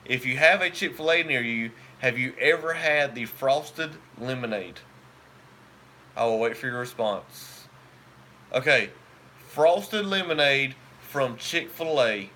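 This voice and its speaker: A man rambles through a relaxed live stream and talks straight to his viewers. His voice is bright and forward, and his pitch sits in a middling range. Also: slow, slight background noise. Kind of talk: casual live chat with viewers.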